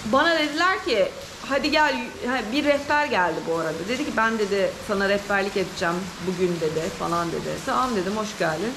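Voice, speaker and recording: A young woman travel vlogger recounting a frightening experience to camera, shaken, acting out what everyone said. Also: mid-range voice. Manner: shaken, quick retelling with quoted dialogue. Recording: noisy hidden camera recording.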